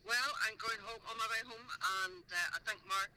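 A woman's voice: on the high side, steady tone, brisk, a crowd in the background, poor audio. Woman over a speakerphone. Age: middle-aged. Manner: chatty, musing and gently preachy. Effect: heard over a phone on speakerphone. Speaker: phone-in guest. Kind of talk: casual phone chat.

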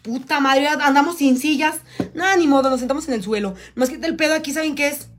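A young Mexican woman with a high voice hosts a casual live stream. She jokes crudely, laughs often and reads out viewers' gifts as she chats. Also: fairly quick, slight background noise. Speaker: livestream host.

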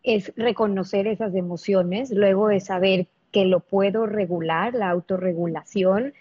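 A woman's voice: medium pitch, fairly even intonation, a little slow, warm tone, slightly rough, no echo, highs cut off. A woman hosting an interview, summing up her guest's points and putting thoughtful questions to him. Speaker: host.

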